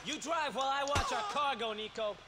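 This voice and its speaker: A man's voice: very high voice, a little fast. An actor playing a tough male criminal accomplice in a video game, giving terse, urgent orders. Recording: game dialogue under loud game music.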